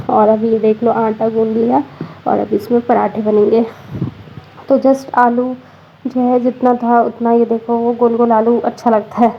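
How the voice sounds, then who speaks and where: Tired young woman narrating a daily vlog, a bit stuffy, higher voice, dull lo-fi sound. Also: slight background noise. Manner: chatty, frequent fillers like 'matlab'. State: tired, slightly congested. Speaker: vlogger. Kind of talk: casual voice-over narration. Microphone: voice-over recorded separately.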